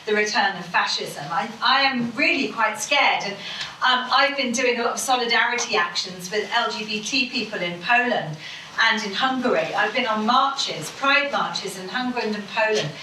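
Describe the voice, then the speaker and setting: Caught by a faraway mic in an echoey conference hall, a woman speaks emphatically and at length on a panel, using profanity for emphasis. She sounds a little high and pushed yet bright, moving at a moderate pace. There's slight hiss or hum in the recording.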